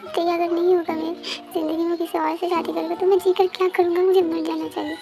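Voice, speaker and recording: A woman's voice: very high voice, level tone, moderate pace, music in the background. A woman voicing a heartbroken despairing young man. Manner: sobbing, despairing pleas. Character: heartbroken young man begging to stop a wedding.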